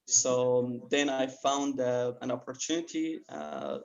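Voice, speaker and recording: A man's voice: mid-range voice, steady tone, measured pace, creaky. A young man from Afghanistan, a former journalist and master's student, speaking earnestly as a guest on an online panel. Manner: earnest, hesitant with frequent ums. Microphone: webcam video call. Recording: muffled video-call audio.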